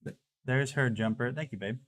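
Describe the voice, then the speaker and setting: A man in his twenties chats casually with his livestream audience as he wanders through his home, rambling as he addresses chat. He speaks at a normal speed in a mid-range voice, and slight background noise can be heard.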